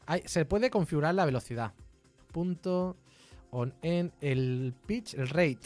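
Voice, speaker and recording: A man with a Spain Spanish accent giving a casual live-coding tutorial, chatty and quick to laugh and swear in surprise. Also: on the high side, animated, darkish tone, soft background music. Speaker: programming streamer.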